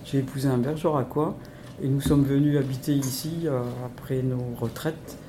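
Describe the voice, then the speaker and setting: A woman in her sixties from Lorraine, introducing herself as a lay volunteer in a radio interview, speaking hesitantly with many pauses. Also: very deep voice, steady tone, mellow, slight background noise. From Lorraine, France.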